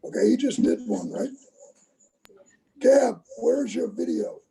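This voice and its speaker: A hoarse man with a rough, gravelly voice, patiently leading a youth troop meeting over a video call from a tablet. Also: extremely high pitch, animated, slow, dark tone, poor audio. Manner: patient, instructive, checks that he is understood. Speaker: scout troop leader.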